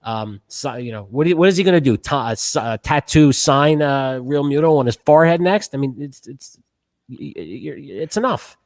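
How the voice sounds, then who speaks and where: A man's voice: medium pitch, animated, moderate pace, no room sound. Emphatic opinionated man, dry sound. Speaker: sports podcast co-host. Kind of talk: casual sports debate.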